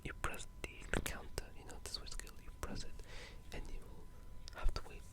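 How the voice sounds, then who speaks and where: In a breathy, unvoiced whisper, a video creator offers casual, rambling ASMR commentary on gaming, full of enthusiasm and delivered at a moderate pace.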